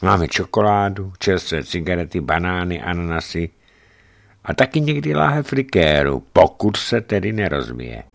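A man's voice: low voice, expressive, creaky. A man voicing a tired male commander of a desert outpost, speaking in a dry, matter-of-fact way. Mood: weary.

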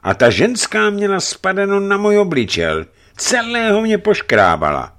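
A man's voice: on the high side, huge pitch swings, a bit bright, voice pushed up. A man voicing a wet, beaten boyar who pleads and whines. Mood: whining. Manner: whining, pleading. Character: wet, beaten middle-aged male boyar.

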